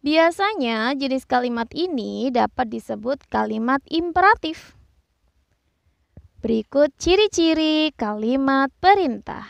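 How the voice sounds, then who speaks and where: A woman narrating a scripted grammar lesson, explaining slowly and carefully and reading out examples. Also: high voice, vocal fry, dry recording. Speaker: teacher.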